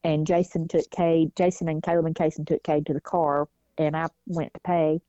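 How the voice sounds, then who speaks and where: A woman talks through a personal story in an easy interview, slipping into the voices of people she quotes. Her voice sits low and mellow. The recording is dull and lo-fi, with a dry, close sound. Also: flat delivery, moderate pace, dry recording. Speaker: guest, mother. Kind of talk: casual interview talk.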